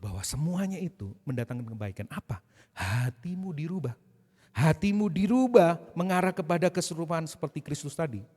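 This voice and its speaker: A man preaching a sermon in a lively way, asking the congregation questions and acting out short asides. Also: fairly high pitch, brisk, husky. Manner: animated preaching with rhetorical questions and acted asides. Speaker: pastor. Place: church service hall. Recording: church hall with long reverb.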